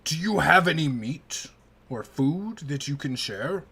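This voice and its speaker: A man voicing a gruff old blind male orc hermit in a tabletop game, speaking in a halting, blunt way. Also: on the high side, expressive, sharp tone, full character voice. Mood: halting, puzzled. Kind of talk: tabletop role-play.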